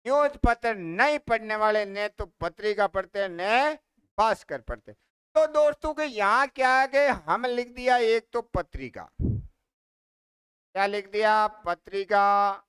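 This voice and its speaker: A man's voice: extremely high pitch, a bit bright, clean tone, dry recording, clean studio sound. A male maths teacher, giving an exam-prep lecture and answering his own questions aloud. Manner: repeats questions, answers himself.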